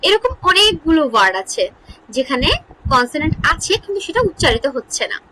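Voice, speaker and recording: A woman teaching an English grammar lesson in Bengali, asking questions and answering them herself, repeating example words slowly. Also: high-pitched, very animated, sharp tone, slight background noise, poor audio. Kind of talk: online lesson explaining English spelling.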